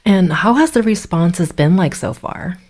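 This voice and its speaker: A woman interviews a guest on public radio. Her voice is very low for a woman. She speaks conversationally, as the host putting questions to a guest. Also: animated, a little slow, darkish tone.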